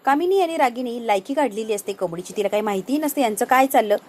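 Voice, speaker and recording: A woman narrating a TV serial episode recap in a lively storytelling manner, voicing each character. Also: fairly high pitch, fast.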